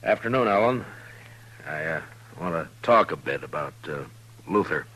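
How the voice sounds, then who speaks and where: Deep-voiced laconic frontier marshal. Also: male voice, expressive, fairly bright tone. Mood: calm, wary. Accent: American. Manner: laconic, measured. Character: calm, dry, authoritative frontier marshal. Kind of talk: 1950s radio western acting. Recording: slightly noisy old radio recording.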